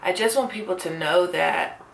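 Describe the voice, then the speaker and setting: A woman in her twenties vlogs candidly to camera, earnest and reflective, frequently saying "like" and "you know." Her lowish, gravelly voice moves at a moderate pace, captured roughly on a camera mic with a roomy sound and a little hiss or hum.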